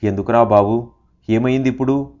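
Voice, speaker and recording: A man voicing an old holy man who is quick to anger but tender underneath, with a scolding, shouting way of talking. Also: medium pitch, fairly even intonation, lightly acted. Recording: dull lo-fi recording.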